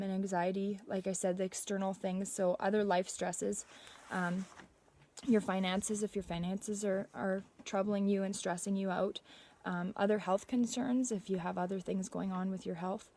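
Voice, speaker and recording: A young Canadian woman hosts a casual livestream, speaking reassuringly and conversationally as a mother drawing on her own experience. Her voice is medium-pitched with a darkish tone, and there's a little hiss or hum.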